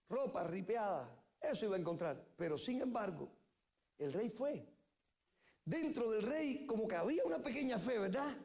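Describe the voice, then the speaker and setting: A man's voice: very high-pitched, creaky, darkish tone. A male pastor preaching a sermon, telling the story with repeated key phrases. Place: church.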